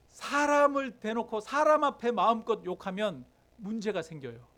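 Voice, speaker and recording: A man's voice: high voice, pushed and bright. A middle-aged man preaching a sermon as pastor, questioning the congregation and acting out heated prayers. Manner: asks the congregation questions, acts out angry prayers.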